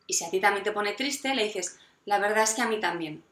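A woman's voice: medium pitch, a little fast, echoey room. A woman from giving parenting advice, acting out little quoted exchanges between parents and children. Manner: animated, acts out quoted dialogue with parents and children. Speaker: parenting educator.

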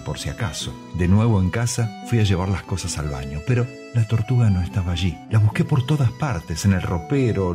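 Deep-voiced man reading a story. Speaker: reader. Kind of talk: literary reading over music. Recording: reading over guitar music.

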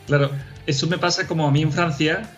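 A man's voice: fairly high pitch, fairly even intonation, brisk, a bit bright, highs cut off, soft background music. A man from Spain hosting a casual chat, full of curious questions. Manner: curious, asks many questions. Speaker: host.

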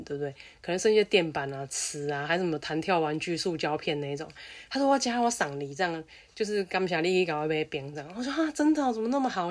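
Woman podcast host, rapid lively storytelling, lower-pitched voice. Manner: lively, acts out quoted voices.

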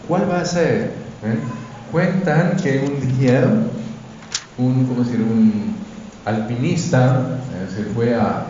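Male preacher, slow and dark-toned, keeps asking the room to follow; long church reverb, dull sound. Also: medium pitch. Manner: unhurried, searching for words, constant "¿sí?" and "¿ven?" checks. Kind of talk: Sunday homily. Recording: echoey church hall, dull sound, faint noise.

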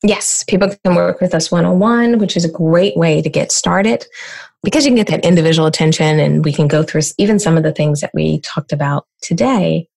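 An American woman answering interview questions as a business coach, explaining in a brisk way with lots of rhetorical questions. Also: lowish voice, vocal fry, darkish tone. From United States.

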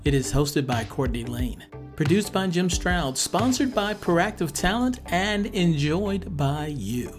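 A man's voice: on the high side, expressive. Joking man with music behind. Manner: dry joking, puts on a slow radio-announcer delivery for the intro. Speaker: podcast producer and co-host. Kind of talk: joking chat and scripted show intro.

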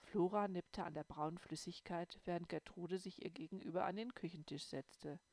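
Brief: calm woman audiobook narrator, lowish voice, dry close recording. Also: normal speed, dry recording. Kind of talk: scripted narration.

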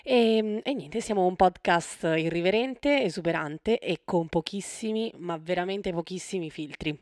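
A woman's voice: on the low side, a little slow, a little mellow, no echo. Woman podcaster, close dry sound. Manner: informal, playful. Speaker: podcast co-host. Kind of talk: casual podcast talk.

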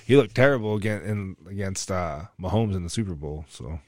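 A man with a low voice chats about football in an easygoing, profane way and laughs often. The sound is dry and close, with no room around it. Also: animated, fairly quick, no room sound. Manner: laid-back, profane, chuckling often. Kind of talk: casual sports banter.

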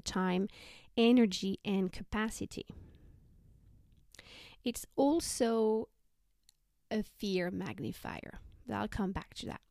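A woman hosting a self-help podcast, talking conversationally in a measured, explanatory way. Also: mid-range voice, mellow, dry recording, clean studio sound. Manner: measured, explanatory, listing examples. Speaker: podcast host.

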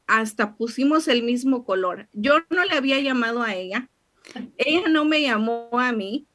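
Lady podcast host, kinda high voice, gushing intros for her guest. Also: lively intonation, normal speed. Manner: warm, effusive introductions. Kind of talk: interview.

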